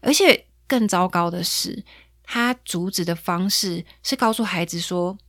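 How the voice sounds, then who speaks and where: A woman's voice: unhurried, a bit bright, dry recording, clean studio sound. A woman, hosting a casual parenting podcast in a chatty, playful way. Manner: chatty, playful, acts out quoted lines in a higher voice. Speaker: podcast host.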